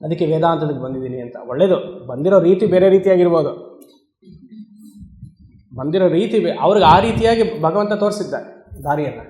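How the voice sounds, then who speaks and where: Speaking conversationally in a discourse hall, a swami explains Vedanta, questions his audience and chants Sanskrit verses slowly. His fairly high voice is expressive and mellow, heard with a roomy sound.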